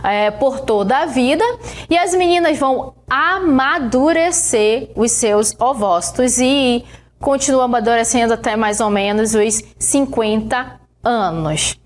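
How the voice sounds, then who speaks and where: A woman's voice: on the high side, animated. A woman teacher with a Brazilian Portuguese accent giving a recorded science lesson, explaining step by step and often checking in with her students. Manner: explains slowly, checks in with "né?" and "tá bom?".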